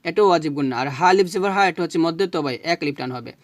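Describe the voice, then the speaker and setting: A man teaching Quran recitation, spelling out Arabic syllables slowly and correcting pronunciation. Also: on the high side, no echo, studio quality.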